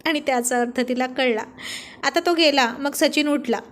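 A woman narrating a romantic story in a lively, conversational storytelling manner. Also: sits high, moderate pace, a little hiss or hum.

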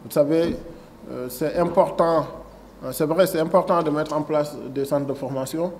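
At a conference-room signing ceremony, an agency director in his forties gives a formal speech through a table microphone, his Senegalese French accent clear over slight background noise. His voice is a little high and darkish, at normal speed with fairly even intonation. He starts from a prepared text and then improvises, with many fillers and restarts.

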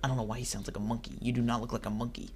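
A man giving excitable let's play commentary, chattering at the creatures on screen as he plays. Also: mid-range voice, racing. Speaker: gaming channel host.

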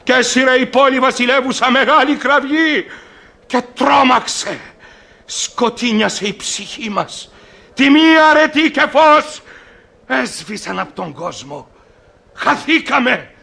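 A man's voice: extremely high pitch, lively intonation, vocal fry, bright, forceful tone, full character voice. An actor playing a lamenting man of a besieged city, mournful and declamatory, in an old radio drama. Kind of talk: classic radio drama acting. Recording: old archival radio recording.

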